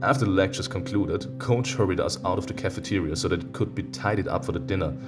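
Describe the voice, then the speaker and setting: A deep-voiced, fast-talking man hosts a let's-play, reading a visual novel aloud. He breaks away for expressive, teasing reactions as guitar music plays behind him.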